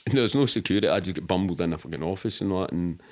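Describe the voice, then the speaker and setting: Very fast and low in voice, a middle-aged Scottish man from around Glasgow shares casual stories on a podcast as a guest. His storytelling is animated, full of swearing and slang, and he acts out what others said.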